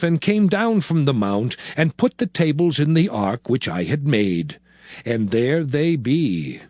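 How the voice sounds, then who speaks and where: Moses, a slow, solemn prophet. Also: male voice, mid-range voice, a little mellow, dry recording. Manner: solemn, declamatory, archaic diction. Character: Moses, solemn male prophet addressing his people. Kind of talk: dramatized scripture reading. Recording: music behind the voice. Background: background music.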